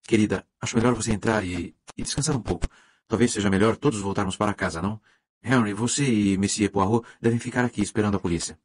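A man's voice: on the low side, fast, no echo, natural voice. A man reading the part of a gracious, vague older lady hostess who chats apologetically in an audiobook. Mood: gentle. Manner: apologetic, chatty, socially polite.

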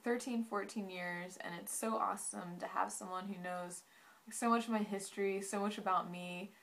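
A woman's voice: mid-range voice, creaky, fairly bright tone. A woman in her twenties chatting informally to camera as a vlogger, rambling and saying "like" often. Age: 20s. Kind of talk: casual chat to camera. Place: small living room indoors.

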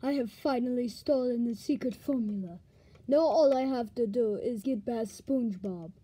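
A woman's voice: fairly high pitch, moderate pace, mellow, breathy edge, pitched below the performer's own voice, low-quality recording. A woman voicing a tiny male villain who mutters and gloats to himself in an amateur toy cartoon. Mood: scheming.

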